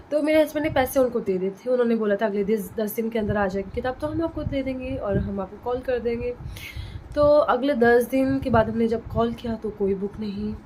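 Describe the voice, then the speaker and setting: A woman's voice: on the high side, noisy background. A woman in her thirties, a vlogger and parent, talking straight to her viewers in a heated, indignant way as she tells a story. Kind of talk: casual vlog monologue.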